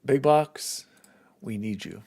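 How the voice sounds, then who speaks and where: A man hosting a casual gaming podcast, chatting with his co-hosts and jumping in quickly. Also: on the low side, vocal fry, warm tone. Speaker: podcast host.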